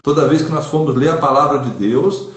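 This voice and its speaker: Man, Brazilian preacher, earnest, emphatic, somewhat high voice, echoey room. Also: fairly quick. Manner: earnest, emphatic, repeats for stress. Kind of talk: casual online chat on preaching.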